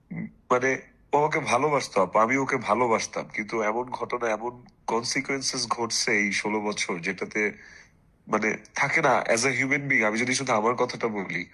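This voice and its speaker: A man giving a reflective personal account in a halting, explanatory way, mixing in English phrases. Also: mid-range voice, sharp tone, rough recording.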